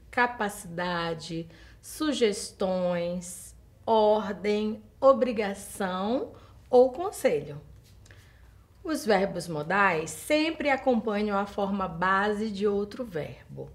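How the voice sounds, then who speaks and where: A female English teacher from Brazil gives a recorded video lesson over slides, slowing right down for each example sentence and checking in with the student. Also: mid-range voice. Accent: Brazilian Portuguese. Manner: addresses the student directly with checking questions.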